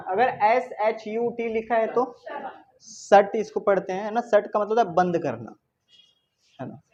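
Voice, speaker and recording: A woman's voice: fairly high pitch, a little mellow, muffled recording. A woman teaching a classroom lesson who keeps checking with her pupils by asking "isn't it?" and plays with rhetorical questions. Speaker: English teacher.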